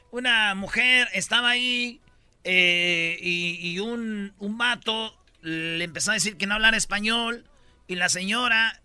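Bright, high-voiced Mexican host. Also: male voice, clean tone, no room sound. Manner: animated, slangy, acts out quotes. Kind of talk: casual commentary on viral videos.

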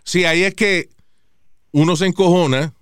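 A man's voice: sits high, normal speed, clean tone, no echo, studio quality. A man co-hosting a talk show, chatting casually while switching between Spanish and English and swearing freely. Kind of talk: casual bilingual chat.

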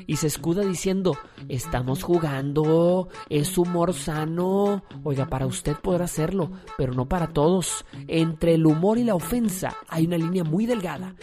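Man, motivational speaker, dark warm tone, formal direct address over soft background music. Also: high voice.

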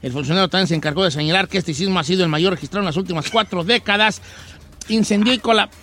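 A man's voice: high voice, fast talker, bright, forceful tone, a little hiss or hum. A man hosting a comic news show, reading stories and teasing his co-hosts.

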